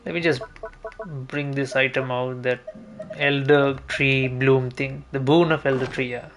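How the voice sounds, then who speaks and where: Over video game music, a man chats casually while livestreaming his gameplay, his thinking-aloud commentary rambling and hesitant. He speaks unhurriedly at a medium pitch with fairly even intonation.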